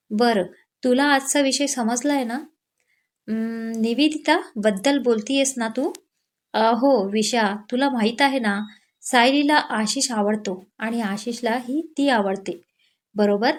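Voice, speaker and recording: Woman with a Marathi accent narrating a love story. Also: a little high. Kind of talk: scripted narration with character dialogue.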